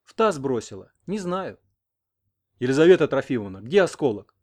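A man's voice: mid-range voice, big pitch swings, normal speed. Male narrator doing a grumpy old granny, sarcastic, snapping. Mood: scolding. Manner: scolding, sarcastic. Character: sharp-tongued old village woman, grumbling.

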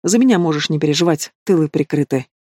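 A man's voice: on the high side, animated, fast, dark tone, dry recording, clean studio sound. A man voicing a cold, mocking young thug. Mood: threatening. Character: cold, menacing young man, cruel and cynical.

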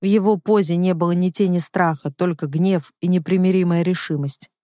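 A woman's voice: on the low side, steady tone, a little fast, mellow, no echo, studio quality. Woman narrating a romance thriller. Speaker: audiobook narrator. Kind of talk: first-person romance narration.

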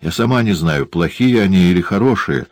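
A man's voice: sits low, expressive, fairly quick, no echo. A man voicing a meek, frightened wife who pleads timidly in an audiobook. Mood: pleading. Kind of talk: audiobook character voice.

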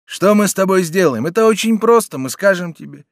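A man reading an audiobook who voices a sly, smooth-talking bandit with a mocking, persuasive manner. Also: sits high, lively intonation, a little fast, no room sound, clean studio sound, voice pushed up.

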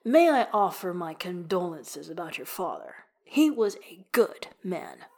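A woman's voice: on the low side, big pitch swings, a little slow, heavily acted. A woman reading an audiobook, voicing a falsely jovial, evasive middle-aged male lawyer. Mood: smooth.

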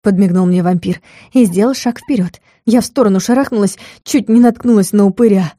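A woman narrating a first-person fantasy story as an audiobook, lively and expressive in her telling. Her voice is mellow and sits at a middle pitch. The recording is dry and close, with no room around it. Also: fairly quick, no echo.

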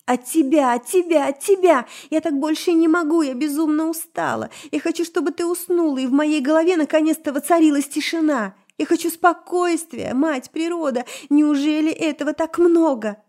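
A woman's voice: sits high, normal speed, hardly any pauses, a little mellow, pitched above the performer's own voice. A woman voicing a meek young elf girl, exhausted and desperate, pleading through sobs. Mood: sobbing. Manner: sobbing, pleading.

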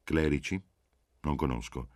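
A man's voice: very deep voice, expressive, moderate pace, no echo, studio quality. A man voicing a cautious older professor who speaks with doubt and hesitation, in an audiobook reading. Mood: doubtful. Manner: hesitant then yielding.

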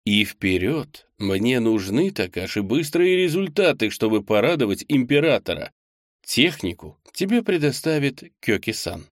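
A man voicing a confident male boss in an audiobook, giving brisk, assured orders. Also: mid-range voice, very animated, no echo, clean studio sound, pitched above the performer's own voice. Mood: commanding. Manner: assured, directive. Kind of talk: audiobook character voice.

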